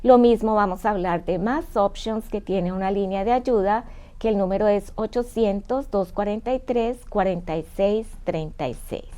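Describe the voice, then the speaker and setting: A woman's voice: mid-range voice, normal speed, mellow. Woman hosting a health talk. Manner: explains plainly, checks in with "¿sí?". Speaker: host.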